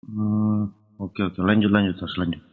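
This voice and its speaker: Man, low voice, short agreeing replies, tinny phone-like line, reverb. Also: level tone, normal speed. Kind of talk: brief replies in a discussion.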